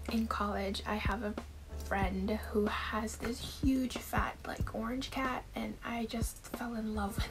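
Twenties girl from taiwan doing a chill q&a to her webcam, lots of ums, slow pace, music under it. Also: on the high side, poor audio. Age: 20s. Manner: chatty, frequent fillers and little laughs. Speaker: vlogger. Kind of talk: casual Q&A vlog. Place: bedroom.

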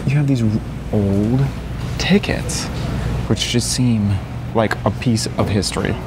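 A man vlogging casually as he walks through a large indoor antique mall, excitable and exclaiming often, recorded on a handheld camera. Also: lowish voice, unhurried, background noise. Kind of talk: casual walk-around vlog. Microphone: handheld camera held while walking.

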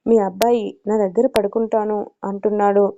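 A woman's voice: mid-range voice, level tone, brisk, warm tone, a little hiss or hum, natural voice. A woman voicing a proud, irritable young bride who answers curtly. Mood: complaining. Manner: curt, irritated. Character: sulky young bride, sharp-tongued and proud. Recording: dull lo-fi recording.

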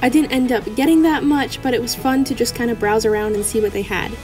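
Talking quickly over loud music, a young woman from the United States chats casually with her vlog audience in a slightly high voice.

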